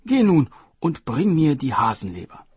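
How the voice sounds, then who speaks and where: A desperate sea dragon king, sick and frightened, his voice pushed high and loud as he begs and then barks orders, put on by a man. The tone stays husky and breathy. The sound is dry and close. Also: sing-song, moderate pace, no room sound, heavily acted. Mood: commanding. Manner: pleading, then commanding.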